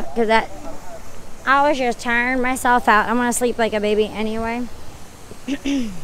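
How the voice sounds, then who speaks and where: A woman's voice: medium pitch, a bit bright, slight background noise. A young woman chatting casually with viewers on a live stream. She sounds tired, says she is losing her voice, and rambles as she thanks people by name.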